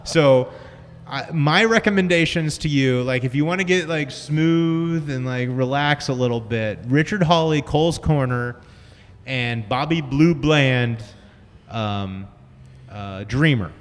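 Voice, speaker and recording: A man's voice: medium pitch, a little slow. A man chatting casually about music in a slangy, profane way. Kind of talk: casual chat. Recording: reverberant room with faint noise.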